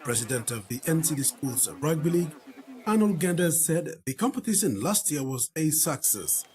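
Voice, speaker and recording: A man reading the evening news in a measured, formal way. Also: fairly high pitch, sing-song, darkish tone. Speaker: news presenter.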